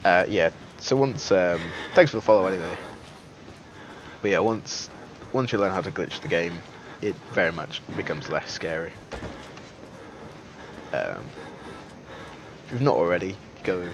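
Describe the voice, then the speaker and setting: A man's voice: sits low, measured pace, long pauses. A man giving casual, joking gameplay commentary as a streamer, chatty and self-deprecating with lots of fillers. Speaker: game streamer.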